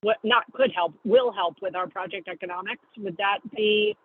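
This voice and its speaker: A woman calling into a meeting by phone while driving, explaining step by step with pauses and self-corrections. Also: mid-range voice, slightly rough. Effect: phone call from a moving car. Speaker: guest speaker. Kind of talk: call-in briefing on a video call. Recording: tinny phone line from a car.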